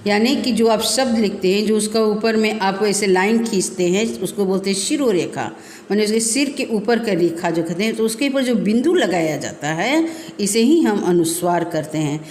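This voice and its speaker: A woman teacher giving a recorded grammar lesson to children, explaining slowly and repeating terms. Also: medium pitch, expressive, a little mellow, a little hiss or hum. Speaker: school teacher. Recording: echoey room with long reverb.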